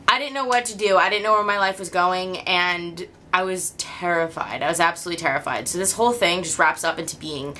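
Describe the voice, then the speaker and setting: A woman's voice: on the low side, brisk, few pauses, sharp tone, a little hiss or hum. A young woman with a regional American accent talking candidly to her camera in a personal vlog, laughing often. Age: young adult. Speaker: YouTuber.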